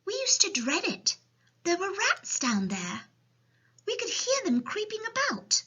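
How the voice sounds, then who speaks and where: A woman's voice: extremely high pitch, wildly swooping pitch, unhurried, pushed and bright, voice pushed up, heavily acted. A woman voicing a plain-spoken, stoical little orphan girl in a children's storybook. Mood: unhappy, recounting.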